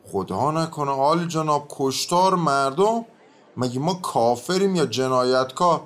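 A man voices a stubborn old-world peasant facing a judge, evasive and set in his ways. His voice sits a little high, and he grumbles and mumbles his answers in rustic talk. It is a radio drama. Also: natural voice.

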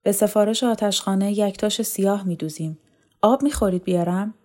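Woman reader as a gentle male tailor, proud and eager to please; mellow, audiobook. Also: mid-range voice, natural voice. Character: humble male tailor, proud of his craft.

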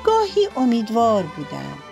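A woman storyteller narrating a children's fable in an expressive, lilting way. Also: on the high side, gravelly. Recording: dry voice with soft background music.

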